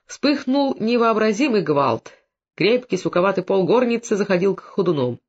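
A male narrator reads a novel with dramatic, animated storytelling. His voice sits high and swings widely, and the recording sounds dull and lo-fi. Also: normal speed. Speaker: audiobook narrator. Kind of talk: expressive literary narration.

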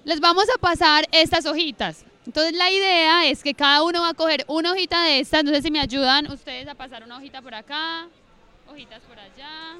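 Woman, workshop facilitator, high bright voice, chatty and self-amused, outdoors on a handheld mic. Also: fairly even intonation, brisk. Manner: chatty, repeats instructions, laughs at herself. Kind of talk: guiding a group writing exercise. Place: outdoor park. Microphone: handheld mic, often held away.

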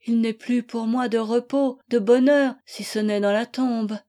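A woman's voice: on the high side, unhurried, warm tone. A woman reading an audiobook, voicing an anguished young wife who pleads in tearful prayer.

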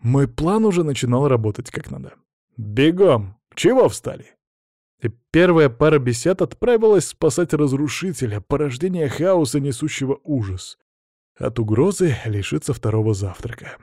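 A man's voice: mid-range voice, lively intonation, moderate pace, warm tone, no echo, studio quality. A man narrating a first-person audiobook in a wry storytelling manner.

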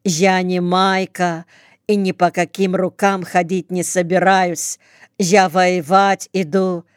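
A woman reading the lines of an impulsive, tearful young woman who has volunteered for the war, often speaking softly. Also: lowish voice, flat delivery, takes it slowly, clean tone, no room sound, studio quality. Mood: pleading. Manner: hushed and tearful.

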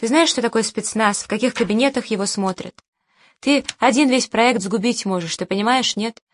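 A woman reading the part of an older male producer who hectors and bullies in crude, rough speech, in a dry recording. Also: a little high, moderate pace, no room sound, lightly acted. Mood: ranting. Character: older male producer, loud, bullying and hysterical.

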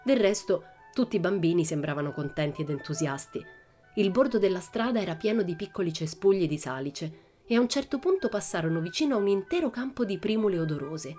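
Expressive woman reading a children's story. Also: mid-range voice, brisk, faint music behind. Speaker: narrator. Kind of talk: audiobook reading of a children's novel.

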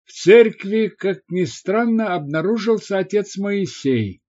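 A man narrating an audiobook in a measured, expressive scripted reading. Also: high voice. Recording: slightly dull lo-fi recording.

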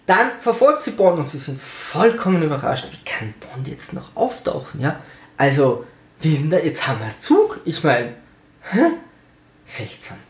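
A man, ranting sarcastically about a film and mimicking its characters in quick asides. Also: a little high, very animated. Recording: echoey room.

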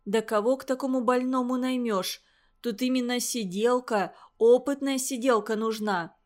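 Woman voicing a middle-aged male doctor, grieving, pained, halting, fairly high voice. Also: natural voice. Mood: irritable.

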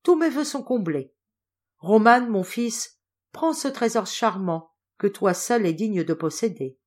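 A woman's voice: medium pitch, expressive, measured pace. A woman reading an audiobook, voicing an old general who is a loving, blustering grandfather, in a raised, hearty voice. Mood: moved.

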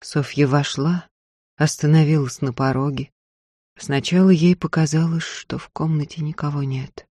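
A woman reading a novel aloud as narrator, in a quiet, subdued manner. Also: low-pitched, fairly even intonation, moderate pace, husky, no echo. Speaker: audiobook reader. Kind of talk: literary narration.

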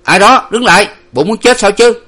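A man reading a storybook aloud, playing a gruff, impatient male guard hidden in the forest who barks orders. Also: high-pitched, animated, normal speed, pitched above the performer's own voice, heavily acted. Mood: barking. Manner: shouting, barking orders.

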